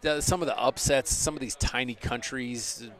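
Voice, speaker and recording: A play-by-play commentator gives casual, rambling coverage of a school soccer match, chatting and correcting himself as he restarts sentences. His mid-range voice is fairly bright with fairly even intonation, and he talks at a moderate pace.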